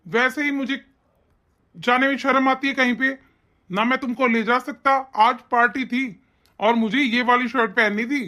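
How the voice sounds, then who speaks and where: An irritable young husband in a cartoon, voiced by one actor. He snaps, scolds and complains at a mid pitch. He sounds fed up with his wife. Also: fairly even intonation, normal speed, pushed and bright, natural voice. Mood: exasperated. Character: irritable young husband, short-tempered and rude. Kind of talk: cartoon voice acting.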